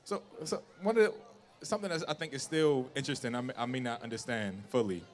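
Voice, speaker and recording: Male host, mid-pitched voice, informal conversational interviewing. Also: fairly quick. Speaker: talk show host. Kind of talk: casual chat, interviewing.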